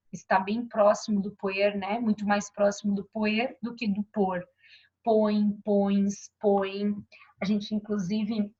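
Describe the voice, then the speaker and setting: Husky woman teaching grammar. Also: medium pitch. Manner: explanatory, pointing at examples on a board, frequent tag questions. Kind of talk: grammar lesson. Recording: dull lo-fi recording.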